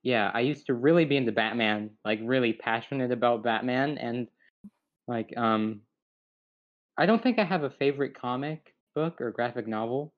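A man's voice: medium pitch, moderate pace. A young man chatting casually, rambling and laughing at himself as he loses his train of thought, on a dull lo-fi recording. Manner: rambling, laughing, self-deprecating. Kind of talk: casual chat. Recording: dull lo-fi sound.

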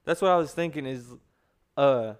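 A man's voice: medium pitch, normal speed, smooth. A young American man chats as a podcast host. He is easygoing and agreeable, speaking in a casual, sweary frat-bro way.

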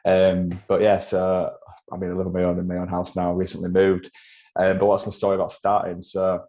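Young Yorkshire man, deep and mellow. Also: completely flat delivery, brisk. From Yorkshire, England. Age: 20s. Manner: chatty, laughs often, self-deprecating. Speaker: podcast guest. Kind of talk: casual interview chat.

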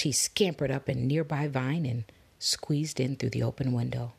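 Slow, gravelly woman reading a fable. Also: extremely low pitch. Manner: expressive, with soft whispered asides. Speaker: storybook reader. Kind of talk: children's story read-aloud.

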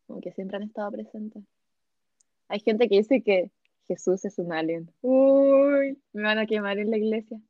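A woman's voice: mid-range voice, steady tone, dry recording, phone-quality sound. A young woman with a Chilean accent in playful, casual chat. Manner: playful, chatty, quick to joke.

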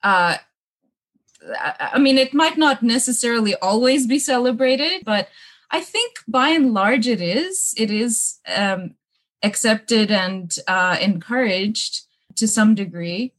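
A woman's voice: on the high side, lively intonation, takes it slowly. Chatty young woman with hard-to-place accent. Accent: mixed, hard-to-place accent. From Middle East (Kuwait). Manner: laughs often, chatty with many fillers. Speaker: interview guest. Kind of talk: casual interview conversation. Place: bungalow room with books at her parents' home.

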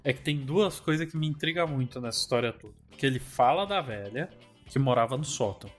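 A man's voice: medium pitch, animated, brisk, faint music behind. A man in a casual podcast chat who eagerly stammers as he starts his points.

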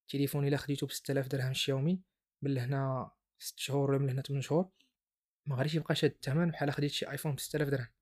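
A man's voice: mid-range voice, level tone, very fast, a little mellow. A man with a Moroccan Arabic accent hosting an informal explainer podcast, mixing French terms into his speech. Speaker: podcast host.

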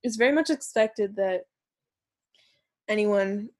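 A woman's voice: mid-range voice, slow pace, darkish tone. A young woman in her late teens co-hosting a casual podcast, bubbly and gossipy, full of "like". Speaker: podcast co-host. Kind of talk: casual chat.

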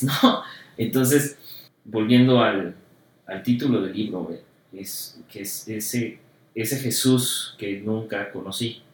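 A man, interviewing in a casual conversation about faith, reflective and hesitant with many fillers. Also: medium pitch. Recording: roomy echo, distant mic.

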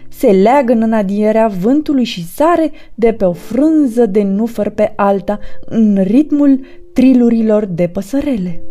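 Mellow woman narrating a storybook. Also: a little high. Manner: gentle, expressive read-aloud.

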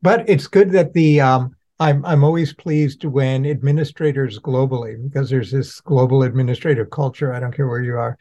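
A man co-hosts a casual podcast, making dry wisecracks and running on in long, wordy sentences. His voice sits at an ordinary pitch and comes through a dull, muffled lo-fi recording. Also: fairly even intonation, normal speed, hardly any pauses, dark tone. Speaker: podcast co-host. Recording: dull lo-fi sound.

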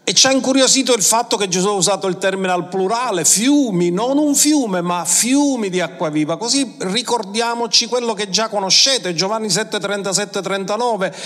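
Guy preaching to his church, pretty high voice, big echoey hall. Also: fairly bright tone. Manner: emphatic preacher, addresses congregation, quotes scripture. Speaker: pastor. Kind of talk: sermon.

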